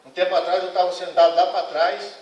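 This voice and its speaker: The earnest, admonishing lecture comes from a man with a high, a little mellow voice, fairly even in intonation and brisk. He speaks frankly to a spiritist congregation in an echoey lecture hall, with the mic placed at a distance.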